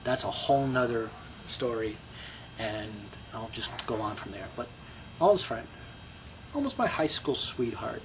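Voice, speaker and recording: Here the Brooklyn-accented middle-aged video blogger sounds expressive, his medium-pitched voice moving at a measured pace over background noise. His casual personal monologue is rambling and reflective, packed with you-knows and restarts.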